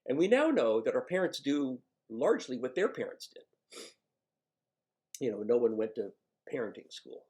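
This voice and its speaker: A man working as an addiction counselor, coaching a patient one-on-one in a gentle, coaxing, self-mocking way. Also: medium pitch, sing-song, normal speed, long pauses.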